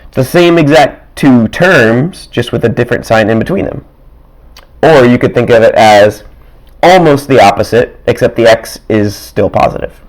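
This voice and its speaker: A man at his desk teaches math casually through worked examples, with little chuckles and asides as he thinks aloud. His voice is mid-range, raspy and dry-throated, and it gets rougher as he keeps clearing it; the audio quality is poor.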